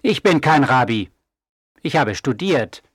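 An actor playing a calm, wise archivist who speaks measured and gently ironic. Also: male voice, medium pitch, husky, dry recording, clean studio sound. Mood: firm. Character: calm wise male archivist, mild and teasing. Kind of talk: audio drama acting.

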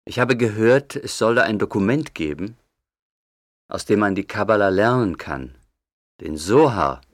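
A deep-voiced, blunt, rough-spoken grumbler, lively delivery. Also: male voice, a little slow, no room sound, clean studio sound. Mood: curious. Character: gruff suspicious older man, blunt and grumbling. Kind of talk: audio drama acting.

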